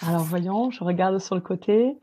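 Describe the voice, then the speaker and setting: A woman's voice: lowish voice, moderate pace, mellow, breathy edge. A woman hosting an online webinar, upbeat and a little hesitant, with many fillers. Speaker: webinar host.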